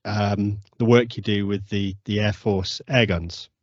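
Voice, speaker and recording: A man hosting a podcast interview in casual chat, halting and repeating words as he goes. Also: on the low side, fairly even intonation, no room sound, lo-fi sound. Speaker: podcast host.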